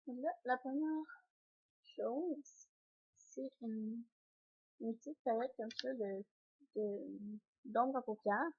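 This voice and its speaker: A young beauty vlogger with a Québécois French accent casually unboxes beauty products in a home vlog, indoors by a sunny window. Her high-pitched voice is very slow and hesitant, with frequent pauses, fillers and throat clearing, and the home video sounds dull and lo-fi.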